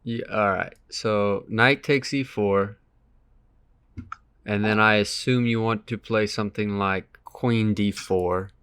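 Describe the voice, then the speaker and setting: Low-voiced man calmly walking through chess moves. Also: slow, smooth, no room sound. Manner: methodical, calls out moves step by step, laughs easily. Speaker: chess player hosting a sparring session. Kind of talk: casual chess analysis chat.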